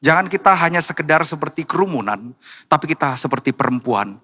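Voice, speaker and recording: A pastor in church, a man with a high, ringing voice, preaching an emotional sermon. He tells personal stories warmly and climbs into impassioned, tearful cries. His tone stays sharp and forward throughout. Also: expressive, brisk, breathy edge.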